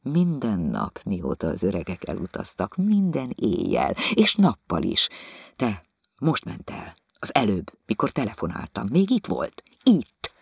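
A man's voice: lowish voice, huge pitch swings, vocal fry, breathy edge, no echo, clean studio sound, heavily acted. A man reading the part of a lovesick, boastful young man who confides eagerly in his friend.

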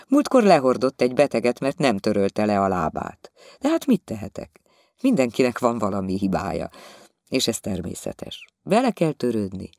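A man doing a mild, soft-spoken old doctor. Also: fairly low pitch, no echo, clean studio sound. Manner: soft, mild, lecturing gently. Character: calm, elderly, patient family doctor. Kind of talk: audiobook character voice.

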